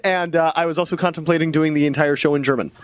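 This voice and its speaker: A man joking around on a comedy podcast, goofy and quick to laugh. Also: a little high, steady tone. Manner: goofy, jokey, slips into silly voices. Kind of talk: casual comedy chat.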